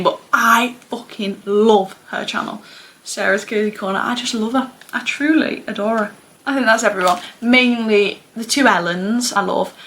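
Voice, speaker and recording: A young woman with a Mancunian accent talks casually to her camera, drifting between thoughts with plenty of fillers and self-deprecating asides. Her voice sits mid-range and slips often into a gravelly fry. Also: medium pitch, fairly bright tone. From England. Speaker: booktuber.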